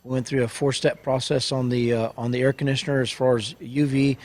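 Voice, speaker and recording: A man of middle pitch speaks at an ordinary pace, earnest and halting. He reads a letter aloud, stops and restarts often, and then chats plainly about his work on a studio mic. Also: level tone, darkish tone. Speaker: service company owner and show host. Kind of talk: reading a letter aloud and chatting on a radio show.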